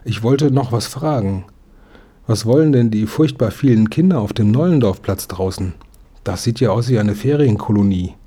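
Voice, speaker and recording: Cheerful chatty little girl, played by a male reader, pitched up a touch. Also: expressive, moderate pace, mellow, husky. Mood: curious. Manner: chirpy, chatty.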